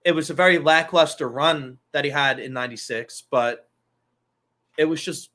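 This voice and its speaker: A man's voice: fairly high pitch, normal speed, sharp tone. A man hosting a casual wrestling talk show, loose and profane, rambling through asides. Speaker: podcast host.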